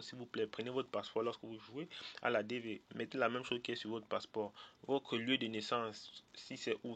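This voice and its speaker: A man from Cameroon, walking viewers step by step through an online form, reading English labels aloud and pausing on fillers. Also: mid-range voice, fairly bright tone. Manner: hesitant, many "euh" fillers, repeats points. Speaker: tutorial presenter. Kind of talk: screen-share walkthrough of an online form.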